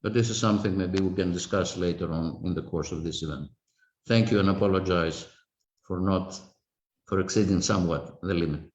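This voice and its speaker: Man reading a formal statement, lowish voice, roomy muffled call sound. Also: a little fast. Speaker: panellist. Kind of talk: formal prepared remarks. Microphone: video call. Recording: echoey, muffled video-call audio.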